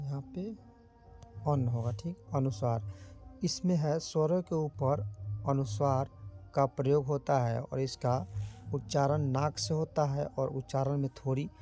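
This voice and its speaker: Slow, gravelly male Hindi teacher. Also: mid-range voice, mellow. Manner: repeats points as rhetorical questions to the viewer; slow, careful sounding out of letters. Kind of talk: explaining grammar lesson.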